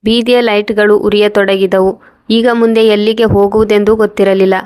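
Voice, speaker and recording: A woman narrating a moral story in a steady, even reading. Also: mid-range voice, moderate pace.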